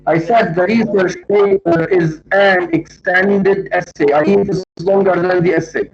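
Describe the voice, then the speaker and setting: A man's voice: high voice, fairly even intonation, a little slow, vocal fry. A man with an Arabic accent, a native Arabic speaker, lecturing on academic writing in a didactic, emphatic way, repeating and spelling out key points. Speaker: university English lecturer. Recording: dull lo-fi audio.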